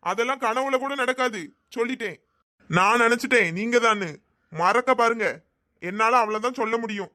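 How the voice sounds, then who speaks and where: A man's voice: very high-pitched, a little fast, bright, forceful tone. A man voicing a possessive, scheming young groom in a cartoon, with a Thoothukudi Tamil accent and an insistent way of talking. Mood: defiant. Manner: pleading then menacing, insistent. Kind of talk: cartoon voice acting.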